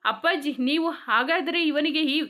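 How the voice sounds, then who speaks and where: A woman's voice: high voice, measured pace, pushed and bright, pitched above the performer's own voice. A woman voicing a playful, coaxing young mother in a spoken story.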